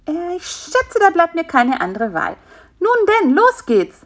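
A scheming little fly, as a woman reads him out, squeaks high and swoops wildly up and down. He is bossy and impatient, always pushing his next plan in this storybook tale. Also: huge pitch swings, a little slow, heavily acted. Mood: coaxing. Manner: bossy, eager, talks people into plans. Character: clever pushy male fly, scheming and impatient. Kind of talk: storybook character voice.

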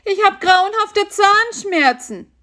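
A woman voicing a whiny male cross spider with a toothache, in a high, moaning voice. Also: expressive, slow pace, sharp tone, exaggerated voice. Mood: jammering.

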